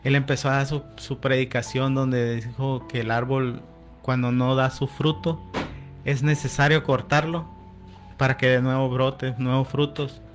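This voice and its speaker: Guy giving his church testimony on the radio, keeps saying amén, soft music behind. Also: medium pitch, little pitch movement, measured pace. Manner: storytelling, with frequent "amén" and quoted dialogue.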